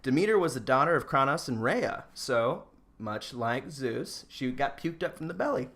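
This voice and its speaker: A podcast co-host gives a casual, joking rundown full of banter, giggling his way through it. His voice sits at medium pitch, expressive and a bit bright, at a normal speed.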